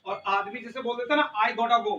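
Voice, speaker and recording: Male classroom teacher, high bright voice, distant dull recording, drills students in repeat-after-me phrases. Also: brisk, slight background noise. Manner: drills students, repeatedly tells them to speak louder. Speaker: English teacher. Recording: echoey room, recorded from a distance, dull lo-fi sound.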